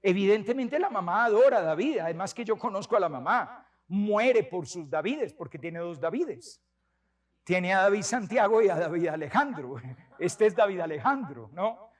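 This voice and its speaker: A priest in his sixties giving a sermon, telling stories with animated delivery and repeating words for emphasis. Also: high-pitched, normal speed. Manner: animated storytelling, many repetitions.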